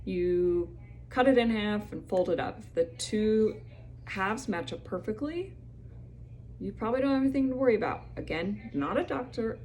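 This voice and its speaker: A woman's voice: medium pitch, animated, moderate pace, a little mellow, slight background noise. A woman in her thirties telling her own story to camera in a casual, candid way, acting out what people said. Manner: chatty, candid, quotes people in little acted bits. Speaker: vlogger sharing her melanoma story.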